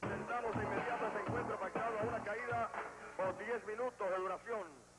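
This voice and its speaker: A man's voice: sits high, steady tone, a little fast, loud music behind the voice. A man commentating as a lucha libre announcer, calling each move emphatically, on an old degraded TV tape. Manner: emphatic, running blow-by-blow calls. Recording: noisy, degraded 1980s TV tape.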